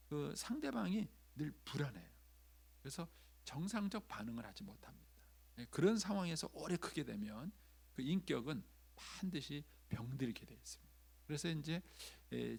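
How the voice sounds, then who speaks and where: A man's voice: medium pitch, vocal fry, breathy edge. A man preaching a sermon in a church, talking conversationally and acting out quoted lines in changing voices. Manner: conversational preaching with frequent filler 'ye'. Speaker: pastor. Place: church sanctuary.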